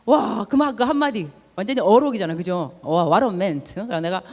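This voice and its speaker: A woman's voice: medium pitch, normal speed, long reverb tail. A woman missionary telling stories in a sermon, acting out the dialogue and dropping in English words. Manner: lively, acts out dialogue, drops in English words. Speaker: missionary preacher. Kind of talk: storytelling sermon.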